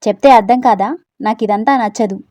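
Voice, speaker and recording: A woman's voice: mid-range voice, steady tone, fairly quick, warm tone, dry recording, close to an everyday voice. A woman voicing Tara, a stubborn young woman who protests sharply and is irritated with the man pursuing her. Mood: protesting.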